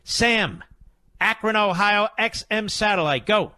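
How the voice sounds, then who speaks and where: A man's voice: sits high, unhurried, sharp tone, dry recording. A man hosting a call-in talk radio show, speaking emphatically and indignantly into a studio microphone.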